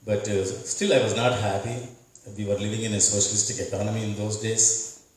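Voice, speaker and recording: A man's voice: on the low side, little pitch movement, brisk. A middle-aged man with an Indian accent gives an earnest debate speech as a candidate, telling his story and often repeating words. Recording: echoey room from far off.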